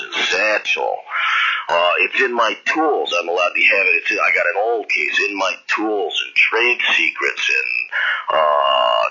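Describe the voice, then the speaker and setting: A man's voice: sits low, noisy background. An older man leaving a long, rambling, disjointed answering machine message, repeating himself. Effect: answering machine message recording. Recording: muffled lo-fi answering machine tape.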